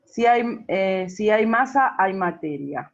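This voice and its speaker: A woman's voice: mid-range voice, expressive, slow, gravelly. A woman teacher explains a worksheet patiently, checking in often with the class. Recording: dull lo-fi recording.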